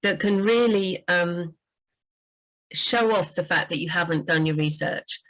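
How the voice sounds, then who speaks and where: A woman with a slightly low voice chats as a book editor. She talks loosely, with lots of "you know" and self-corrections. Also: a little slow, fairly bright tone, poor audio. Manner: chatty, frequent "you know" and restarts. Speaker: book editor and writing coach. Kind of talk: casual livestream chat.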